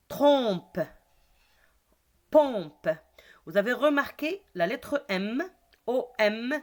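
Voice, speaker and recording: Slow, deliberate woman teaching reading. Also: mid-range voice, darkish tone. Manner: slow, deliberate, repeating words for pupils. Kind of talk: slow reading lesson for children.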